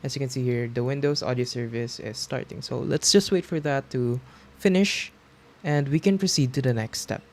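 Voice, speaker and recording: A man with a medium-pitched, darkish voice narrates a casual software tutorial at normal speed. He walks through the steps in a relaxed, instructional way as the host.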